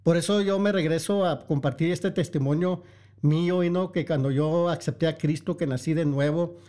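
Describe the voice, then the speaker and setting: A man's voice: a little high, moderate pace, warm tone. A middle-aged man preaching a sermon as pastor, repeating and restarting phrases for emphasis and calling his listeners brother and sister.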